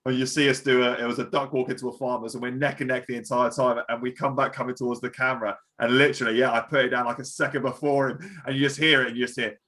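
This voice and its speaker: A man's voice: medium pitch, flat delivery, quick pace, few pauses, fairly bright tone. A male podcast host from the UK asking loose, rambling questions and laughing along with his guest. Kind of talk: casual podcast chat.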